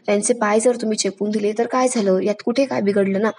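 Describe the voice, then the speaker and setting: A woman's voice: medium pitch, fairly even intonation, fast, darkish tone, husky. A woman reading as a stern man of the house. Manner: stern, lecturing.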